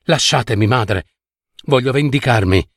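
A young man transformed into a vengeful dragon in a folk tale, speaking with grave resolve, as a man plays him. His voice is low-toned and gravelly, slow and measured, close and dry. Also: no room sound. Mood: urgent. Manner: solemn, resolute declarations.

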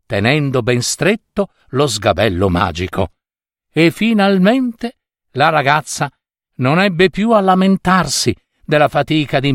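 A man narrates a fairy tale with an expressive, animated storytelling cadence. His pitch moves widely through each phrase. The recording is close and completely dry. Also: no room sound.

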